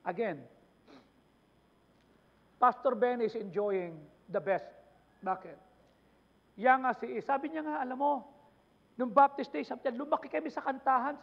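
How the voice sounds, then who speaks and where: A man's voice: extremely high pitch, moderate pace, gravelly, long pauses, lo-fi sound. A man preaching a sermon as pastor, impassioned, throwing out rhetorical questions. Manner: impassioned preaching mixing Tagalog and English, repeated rhetorical questions. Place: church.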